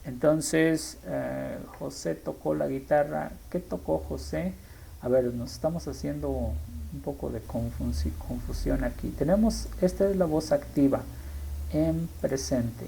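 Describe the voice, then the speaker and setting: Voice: medium pitch, measured pace, vocal fry, dark tone, slight background noise, rough recording. A teacher explaining grammar in a lesson, thinking aloud and stopping often to correct themselves. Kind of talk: screen-share grammar lesson.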